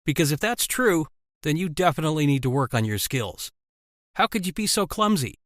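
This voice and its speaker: A man voicing a sarcastic, taunting villainous captor in an animated story. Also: on the high side, brisk, no echo, clean studio sound, voice pushed up. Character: sneering villainous middle-aged male captor.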